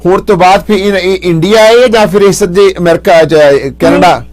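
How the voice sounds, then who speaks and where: A man's voice: high voice, moderate pace, darkish tone. A man hosting a radio call-in show, questioning the caller closely and slipping in English phrases. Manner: probing, mixes English phrases. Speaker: radio host.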